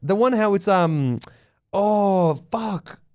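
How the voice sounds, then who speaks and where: A man's voice: high-pitched, animated, slow. A young man co-hosting a podcast, bantering loosely with a friend, swearing and laughing as he talks. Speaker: podcast co-host. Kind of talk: casual chat.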